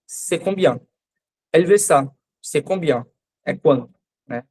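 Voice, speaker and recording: A man teaching French in an online class. His first language is Portuguese. He explains patiently, repeats example sentences slowly and keeps asking "né?" and "tá?" to check that students follow. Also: on the high side, animated, darkish tone. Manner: explains patiently, often adds "né?" and "tá?".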